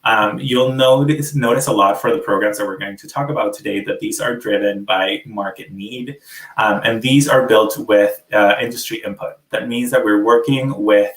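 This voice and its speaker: Upbeat man from Venezuela, low roomy voice. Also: steady tone, moderate pace, fairly bright tone. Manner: upbeat, fluent with fillers. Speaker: international student recruiter. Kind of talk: webinar presentation. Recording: roomy distant webinar audio.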